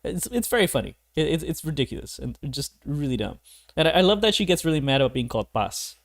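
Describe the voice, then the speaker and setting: A man's voice: fairly high pitch, sing-song, fast talker, creaky. A young man streaming a video game, rambling in casual commentary, laughing often and swearing casually. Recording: game music playing behind.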